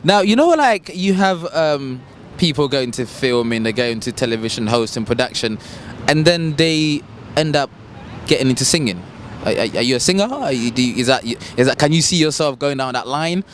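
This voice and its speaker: A man's voice: medium pitch, expressive, normal speed, slight background noise. A man hosting a casual street interview, teasing and jokey, often tripping over his words. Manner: jokey, stammering restarts, teasing. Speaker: interviewer, host.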